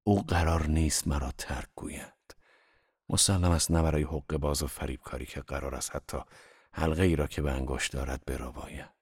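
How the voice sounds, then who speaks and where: A man's voice: extremely low pitch, steady tone, a little mellow, slightly rough, no room sound, studio quality, voice pushed down. A man voicing a harsh, contemptuous husband in an audiobook, with a cutting delivery.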